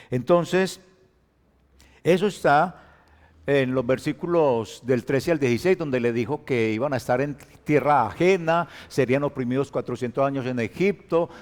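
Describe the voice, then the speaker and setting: A male pastor preaching a Sunday school sermon, joking with the congregation, moving between loud emphatic lines and soft quiet ones. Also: mid-range voice. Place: church hall. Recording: reverberant church hall.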